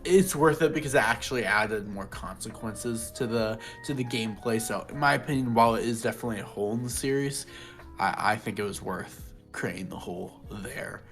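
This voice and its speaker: A man co-hosting a casual podcast, talking in an animated, opinionated way with many fillers. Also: lowish voice, brisk, soft background music. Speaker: podcast co-host. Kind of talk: casual chat.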